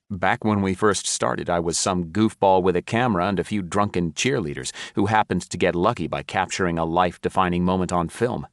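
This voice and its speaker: A man narrates a first-person audiobook with a wry, self-mocking edge. His voice sits very low, and the read is close and dry, with no room sound. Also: no echo.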